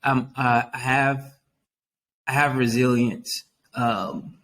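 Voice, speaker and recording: A man as a youth worker guest on a podcast, talking in an earnest, animated way and often dropping "man" into his sentences. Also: medium pitch, slow, a little hiss or hum, rough recording. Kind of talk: casual podcast interview.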